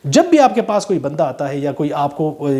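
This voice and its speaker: A man's voice: a little high, big pitch swings, dark tone. A man giving an emphatic, preachy motivational talk straight to his viewers. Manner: emphatic, preachy, calls listeners "brother". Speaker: motivational speaker.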